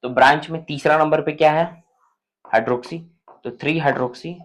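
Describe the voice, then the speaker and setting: Male chemistry teacher, slightly high voice, walks through each step and keeps checking the class follows. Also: steady tone, fairly quick. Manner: colloquial, matter-of-fact explaining. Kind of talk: classroom lecture.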